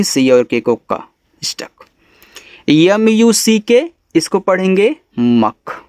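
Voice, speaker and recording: A man teaching English phonics to beginners, spelling letters out slowly and then saying each word lower. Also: no room sound, clean studio sound. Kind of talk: phonics lesson explanation.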